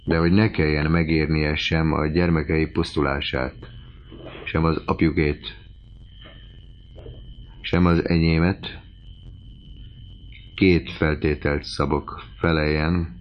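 A man voicing a cold, stern aristocratic husband who speaks in a measured, commanding way. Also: rumbling low, flat delivery, slight background noise. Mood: coldly commanding. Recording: slightly muffled lo-fi recording.

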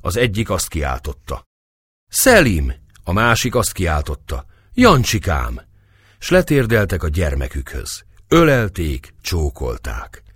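A man narrating a literary audiobook with expressive storytelling. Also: deep voice, few pauses, breathy edge, no room sound, studio quality. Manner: expressive storytelling, voices characters' shouts.

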